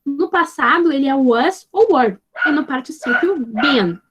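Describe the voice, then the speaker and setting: High-voiced teacher woman. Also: lively intonation. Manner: patient, checks in with "tá?" after nearly every phrase; spells out examples slowly and clearly. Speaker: English teacher. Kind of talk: online grammar lesson.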